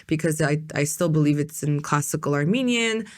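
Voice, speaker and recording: A woman's voice: deep voice, expressive, fairly quick, a little mellow. A woman hosting a podcast, talking casually and rambling with lots of "like" and "um". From United States. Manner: rambling, heavy use of fillers like "like". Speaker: podcast host. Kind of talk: casual interview chat.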